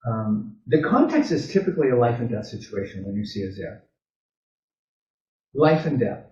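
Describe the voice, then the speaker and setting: A male pastor preaching a sermon in a relaxed, conversational way, drifting into asides and correcting himself as he goes. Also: mid-range voice, normal speed. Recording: roomy, distant, dull church PA recording.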